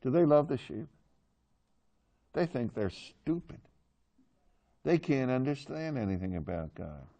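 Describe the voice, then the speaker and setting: A man's voice: medium pitch, lively intonation, a little slow, long pauses, warm tone. Joking, chatty male Bible teacher. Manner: chatty, joking with the class, asks questions. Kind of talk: classroom Bible lesson.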